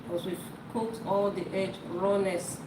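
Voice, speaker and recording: A woman whose first language is Yoruba hosts a live cooking stream from her home kitchen, chatting casually and repeating words as she cooks. Her mid-range voice is flat and measured in pace. The kitchen sounds echoey, with loud noise.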